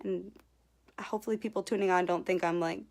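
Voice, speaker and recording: This beauty vlogger's voice is fairly low and steady, a little mellow, and fairly quick. She is a young woman leading a chatty live-stream tutorial on eyebrows, sounding giggly, self-conscious and a touch nervous, saying "okay?" after almost every sentence and welcoming viewers by name.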